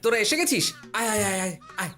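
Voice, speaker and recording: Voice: mid-range voice, expressive, fast talker, natural voice. An actor voicing Gopal Bhar, a shrewd, genial village grandfather in a Bengali cartoon, with a theatrical, folksy manner. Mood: eager, shrewd.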